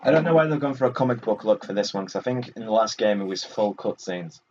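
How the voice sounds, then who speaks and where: His voice low, darkish and quick, a man hosts commentary on the video game he's playing, casual and jokingly full of himself. The distant, muffled mic sits under game music.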